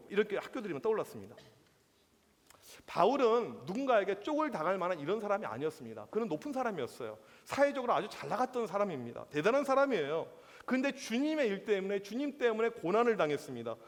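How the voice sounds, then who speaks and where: A man preaching as a youth pastor, emphatic and animated, in a church hall. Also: high voice. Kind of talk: sermon.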